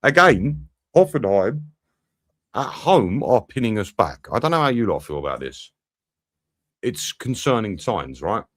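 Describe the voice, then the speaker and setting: Low-voiced, swearing man streaming a match. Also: sing-song, a little slow, a bit bright, no echo, clean studio sound. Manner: swears often, banters with chat. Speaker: watch-along streamer. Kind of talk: live match watch-along commentary.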